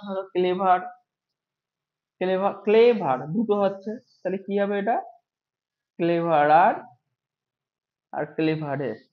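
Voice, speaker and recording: A man teaching an English grammar lesson, explaining step by step and drawing out example words slowly. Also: sits high. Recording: echoey room, dull lo-fi sound.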